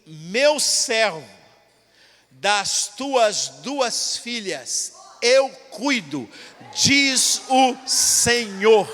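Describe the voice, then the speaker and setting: A man voicing a blind older man who loudly and commandingly prophesies to a passenger on a bus. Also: very high voice, big pitch swings, extremely slow, long reverb tail, full character voice. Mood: solemn, proclaiming. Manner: loud, commanding prophetic proclamation.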